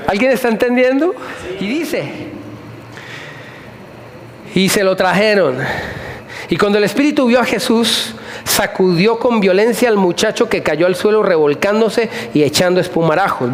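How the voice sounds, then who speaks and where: A man preaching a sermon to a congregation, animated, repeating phrases and firing questions at the listeners. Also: high-pitched. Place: church hall before a congregation.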